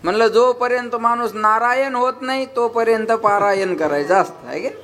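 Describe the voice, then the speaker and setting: A man's voice: very high voice, moderate pace, a bit bright. A man preaching a devotional sermon with sung verses, joking and calling on the audience to answer him. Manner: jokey, keeps asking the audience to answer back. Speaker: kirtan preacher.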